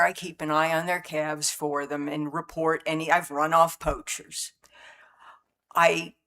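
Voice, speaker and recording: A seventy-year-old woman gives public comment at a county board meeting. She holds back tears as she speaks with deep feeling and religious devotion. Her voice sits fairly low for a woman. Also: a bit bright. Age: 70s. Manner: emotional, heartfelt, near tears, religious. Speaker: rancher neighbor giving public comment. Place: county commission meeting room.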